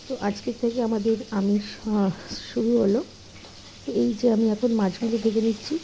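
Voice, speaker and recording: A young woman with a hoarse voice from a cold, vlogging casually at home and talking softly, at times sing-song to her baby. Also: on the high side, flat delivery, brisk, slight background noise.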